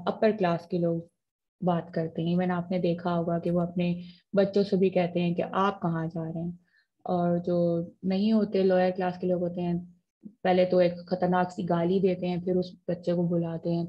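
Husky woman lecturing online. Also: fairly low pitch, muffled recording. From Pakistan. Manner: mixes English phrases into Urdu, asks students questions. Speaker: university lecturer. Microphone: video call.

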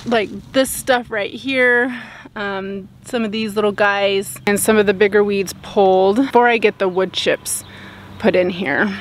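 A woman in her thirties talking casually to a handheld camera outdoors in her garden, relaxed, with frequent "um" fillers. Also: medium pitch, unhurried. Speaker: homestead vlogger. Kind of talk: casual vlog narration. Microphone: camera held at arm's length.

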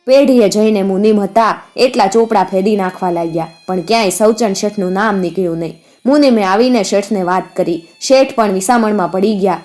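A woman with a Kathiyawadi Gujarati accent narrating a folk tale in a steady, vivid manner. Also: medium pitch, a little fast, few pauses, faint music behind.

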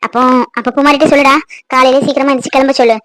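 A woman voicing a practical middle-aged mother in a cartoon who calmly lays out travel plans. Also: high-pitched, very fast, no room sound, natural voice. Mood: instructing. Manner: calm, instructing.

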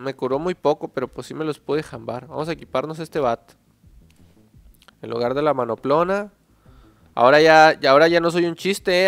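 A man's voice: fairly high pitch, fairly bright tone, no echo. A man with a Mexican accent giving casual, joking gameplay commentary, full of slang, reading the game text aloud. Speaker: gaming youtuber.

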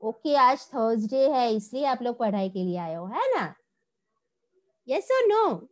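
A young woman with an Indian English accent teaching a kindergarten class online, explaining slowly and switching between Hindi and English. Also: on the high side, animated. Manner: slow, drawn-out explaining, mixing Hindi and English.

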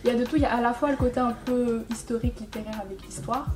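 A woman in her twenties from French Guiana and Brazil, a guest explaining her path in earnest, seated in a bright room. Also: fairly high pitch, fairly even intonation, racing, over music. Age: 20s. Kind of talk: casual interview chat.

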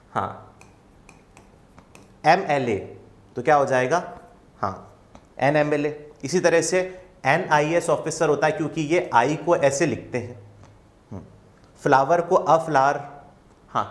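Patient Indian man teaching English. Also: on the high side. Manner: patient, reassuring, asks and answers his own questions. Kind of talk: online class lecture.

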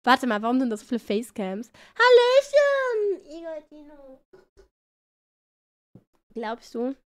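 A woman streamer reacting live to clips, excitable and playful, often shrieking, laughing and repeating words. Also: a little high, moderate pace, dry recording.

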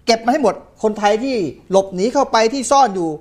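A middle-aged man, a police commander, explaining firmly as a guest on a studio talk show. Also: extremely high pitch. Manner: fast, explanatory, firm.

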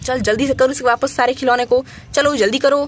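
A woman with a high voice narrates a toy play session. She is animated and bossy, and she repeats her commands over and over. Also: brisk, a little hiss or hum. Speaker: toy video host.

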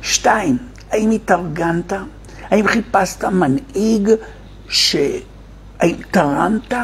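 A man, a rabbi, giving an impassioned online sermon to his viewers, firing rhetorical questions and swinging from loud cries to a near hush. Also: high voice, husky. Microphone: streaming to online viewers.

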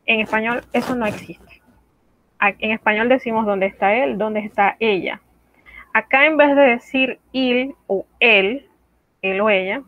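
A woman teaches a virtual language class at a slow, careful pace, drilling each phrase by repeating it. Her slightly high voice comes through a narrow, phone-like line. The sound is dry and close. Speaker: French teacher. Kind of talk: online language lesson.

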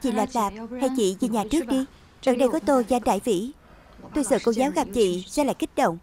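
A woman giving a single-voice dub reading of a drama, reading every role in an even, plain way. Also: a little high, quick pace, a crowd in the background. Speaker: voice-over dubbing narrator. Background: drama soundtrack music.

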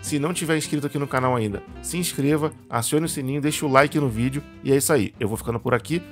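A man hosts his channel and talks straight to the viewer in a relaxed, rambling way. His pitch sits in the middle. Soft guitar music plays quietly behind him. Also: fast. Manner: relaxed and chatty, repeats words while searching for them. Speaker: channel host. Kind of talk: casual spoken commentary to camera. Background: faint guitar music.

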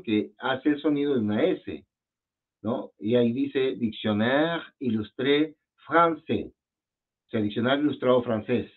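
A man's voice: medium pitch, breathy edge. Male teacher on a tinny video call. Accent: Peruvian Spanish. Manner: patient, repeats words, asks students questions. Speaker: French teacher. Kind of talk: online class teaching. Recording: phone-like video call audio.

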